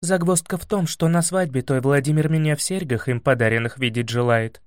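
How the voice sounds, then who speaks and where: A man voicing a shrewd grown princess in an audiobook, calm, commanding and lecturing. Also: fairly high pitch, a little fast, no room sound, studio quality, close to an everyday voice. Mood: stern. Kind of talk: audiobook character voice.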